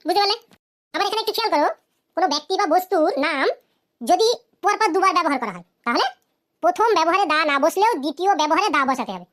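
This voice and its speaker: A woman teaching a cartoon grammar lesson, asking questions and answering them herself, and saying her English examples slowly. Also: very high-pitched, animated, a bit bright.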